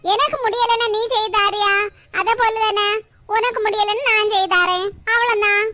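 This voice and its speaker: A woman's voice: extremely high pitch, steady tone, moderate pace, sharp tone. A woman voicing a caring grandmother who looks after her neighbor in a cartoon, talking in a reassuring, motherly way. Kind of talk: cartoon voice acting.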